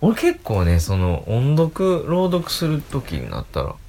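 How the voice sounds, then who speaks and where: A man's voice: mid-range voice, wildly swooping pitch, slow pace, warm tone, a little hiss or hum. A man with an Osaka accent chatting casually as a co-host, wry and joking, often chuckling as he talks. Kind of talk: casual chat.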